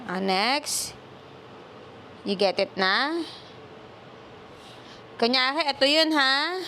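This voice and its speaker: A Filipino mother leads a reading lesson at home. She talks in an unhurried, patient way and keeps checking that her child follows, mixing English into her Filipino. A faint background hiss sits beneath her voice. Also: high-pitched, expressive, pushed and bright. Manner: patient, mixes English into Filipino, prompting questions.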